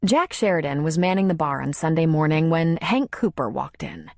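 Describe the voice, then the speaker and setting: Low-voiced woman reading an audiobook. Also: animated, moderate pace, vocal fry, a little mellow, no room sound, clean studio sound. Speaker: audiobook narrator. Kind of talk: scripted narration.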